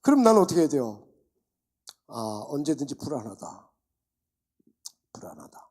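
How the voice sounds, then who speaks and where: A man preaching a sermon as a pastor, animated, firing rhetorical questions at the congregation. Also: mid-range voice, a little fast. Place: church.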